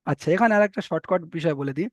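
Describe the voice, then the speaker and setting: A man with a fairly high voice teaches Quran reading, spelling out letters one by one and drilling each syllable again and again. He sounds close and dry, with no room around him. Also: lively intonation, no room sound. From Bengal. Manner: patient, repeats syllables slowly and drills them. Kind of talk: recorded online lesson, spelling out Arabic letters.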